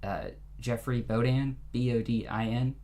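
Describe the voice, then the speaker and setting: A man in his twenties speaking hesitantly as a caller, with frequent ums and pauses. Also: medium pitch, steady tone, warm tone. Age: 20s. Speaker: caller booking an appointment. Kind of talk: hesitant phone conversation. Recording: noisy hum on phone call.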